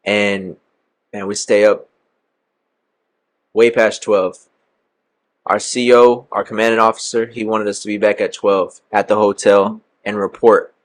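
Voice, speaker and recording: A man's voice: on the low side, flat delivery, unhurried, long pauses. A young man casually telling a profane story about a night out. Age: young adult. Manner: profane, laid-back storytelling.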